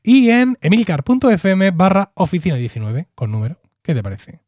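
A man's voice: sits high, sing-song, a little fast, a little mellow, dry recording, clean studio sound. A man from co-hosting a podcast in casual chat, jokey and chatty, often restarting his words. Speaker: podcast co-host.

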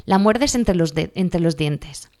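Speaking slowly in a warm, lowish, animated voice, a woman from Spain delivers a casual lesson with exam advice. She chats freely, laughs at herself, and keeps asking "¿vale?" to see if her listeners are with her.

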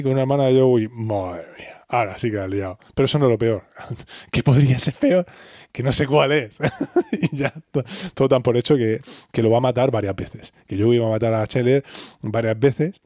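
A man's voice: mid-range voice, normal speed, warm tone, no echo, clean studio sound. A man co-hosting a casual podcast, recapping an episode and acting out the characters' lines in put-on voices, laughing often. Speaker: podcast co-host.

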